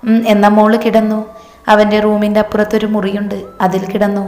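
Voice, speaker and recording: A woman voicing a caring older mother who speaks softly and coaxingly. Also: mid-range voice, completely flat delivery, brisk, natural voice. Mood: cautious. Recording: echoey room with long reverb.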